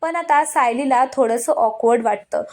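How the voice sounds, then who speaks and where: A woman with a slightly high voice, speaking at a normal speed, recaps a TV serial episode in a chatty, casual storytelling style. She addresses her viewers directly and drops in frequent asides.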